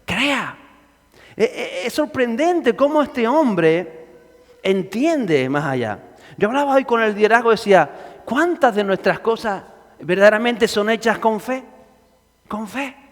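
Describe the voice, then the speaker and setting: A man preaching from the pulpit in a high-pitched voice. He calls on the congregation to repeat phrases after him. The sound carries the long reverb of a church hall. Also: animated, measured pace. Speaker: pastor. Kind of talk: sermon.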